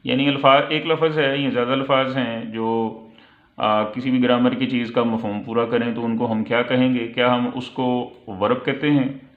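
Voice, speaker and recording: A man gives an online English lesson, patiently explaining multiple-choice questions, reading English phrases slowly and then translating them. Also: mid-range voice, little pitch movement. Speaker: English teacher. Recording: echoey, tinny phone-like audio.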